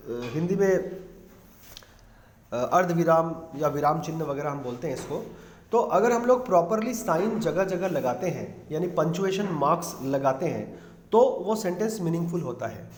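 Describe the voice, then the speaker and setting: A man teaches a grammar class and explains each point patiently, switching between Hindi and English and slowing down for the English lines. His voice sits fairly high. It echoes around a bare room over a faint background hiss. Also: a little mellow.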